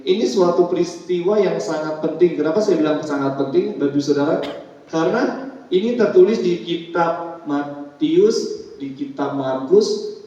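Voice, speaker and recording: A man's voice: fairly high pitch, mellow. A male pastor preaching a sermon, emphatic, constantly addressing his congregation as he leads a scripture reading. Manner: emphatic, keeps tagging lines with "ya, saudara" to the congregation. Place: church hall. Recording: echoey church hall, distant dull mic.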